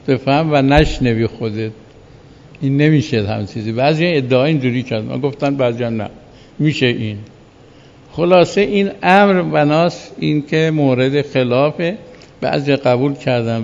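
A man with a gravelly, creaky voice lectures in the measured manner of a seminary teacher, pausing to ask his listeners if they follow. The sound is dull and lo-fi, with long reverb from a large hall. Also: medium pitch, a little mellow. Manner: explanatory, asks "right?" to check understanding. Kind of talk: jurisprudence lecture.

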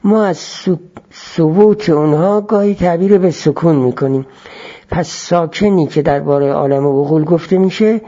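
Dark-voiced male philosophy teacher, lo-fi. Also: high voice. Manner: measured, repeats key phrases to explain. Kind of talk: explanatory classroom lecture.

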